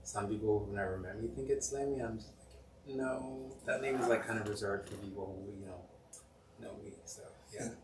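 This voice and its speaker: A man's voice: fairly low pitch, brisk. A young man from Cameroon, a podcast guest, talking in a chatty, jokey way full of "um" and "like". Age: young adult. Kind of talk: casual interview chat. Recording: roomy, distant mic, faint noise.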